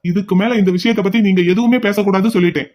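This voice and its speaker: A man voicing a headstrong, protective young man in a cartoon drama, speaking forcefully and insistently. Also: high-pitched, fairly even intonation, racing, lightly acted. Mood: defiant.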